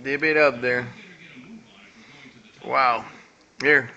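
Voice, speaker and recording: Bright-voiced father coaxing his child. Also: mid-range voice, steady tone, drawn-out words, highs cut off. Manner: coaxing, gentle parental talk. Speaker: father filming his daughter at breakfast. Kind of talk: casual home video chat.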